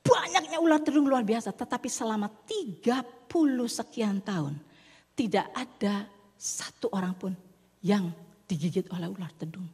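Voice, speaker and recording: A woman preacher delivers a dramatic sermon in a husky, fairly high voice. She mixes in English words and sinks to a whisper for emphasis. Her words ring through the long reverb of a church hall. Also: normal speed, darkish tone.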